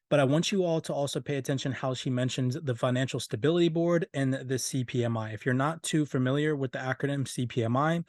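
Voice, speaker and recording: Dry, close audio without any echo captures a man in an ordinary middle range as he comments on a finance clip for his crypto channel. His delivery is emphatic, leaning on stock phrases and punching key words.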